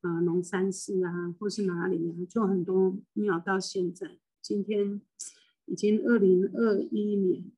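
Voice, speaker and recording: A woman's voice: mid-range voice, level tone, measured pace, mellow, breathy edge, poor audio. Older woman with a Taiwanese Mandarin accent. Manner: rambling and emotional, with frequent restarts. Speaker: spiritual medium and hypnotist. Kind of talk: personal reflective monologue.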